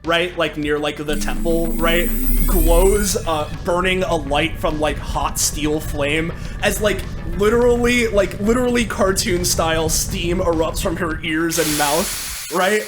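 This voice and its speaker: A man plays in a tabletop game, rambling through his turn with lots of fillers. His voice sits fairly high for a man. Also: unhurried, music in the background. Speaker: player.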